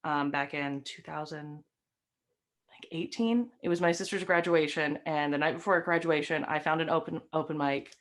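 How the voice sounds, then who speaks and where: Her voice is low and her speed normal: a young woman from the Southern United States with a light Southern American accent. She's chatting as a guest, stream host and comic, in a casual interview, telling stories with plenty of fillers, captured by a webcam in a decorated room at home.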